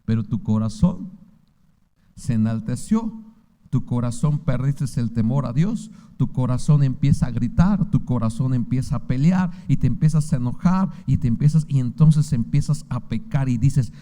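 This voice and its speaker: A man's voice: mid-range voice, normal speed, warm tone. A man with a Mexican accent preaching a sermon as pastor, firing rhetorical questions at his listeners with fervor. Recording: long hall reverb.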